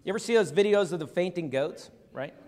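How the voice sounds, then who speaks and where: A man's voice: high-pitched, expressive, quick pace, darkish tone. A male pastor preaching a Bible-teaching sermon in a conversational way, with humorous asides to the congregation. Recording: long reverb of a large hall.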